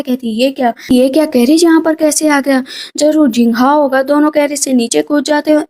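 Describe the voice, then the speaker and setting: A woman narrates a drama recap in a high, mellow voice. She retells the story conversationally, repeating lines for emphasis. Her delivery is casual rather than performed.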